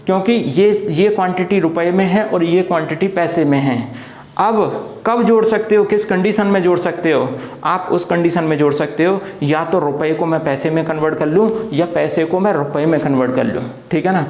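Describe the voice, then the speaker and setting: A man explains a lesson at a board, his voice sitting a little high for a man and ringing in an echoey room. He poses a question to his students and answers it himself, then goes over the point again, slowly and patiently. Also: darkish tone. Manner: asks rhetorical questions and answers them himself; repeats key points patiently. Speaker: teacher. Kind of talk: classroom lecture at a board.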